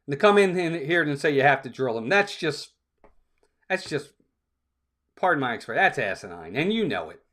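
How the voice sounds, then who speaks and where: A man running a live fan stream, mixing play-by-play calls with blunt replies to his chat. His voice sits a bit high and moves widely in pitch. He talks directly to viewers and repeats key phrases for emphasis. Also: sing-song, normal speed, pauses often, fairly bright tone. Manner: talks straight to viewers, scolds trolls, repeats himself for emphasis.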